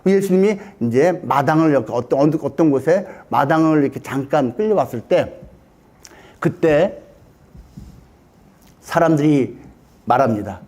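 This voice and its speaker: A man telling a Bible story as a sermon, dramatic and animated, often asking the audience questions. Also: a little high, moderate pace, long pauses.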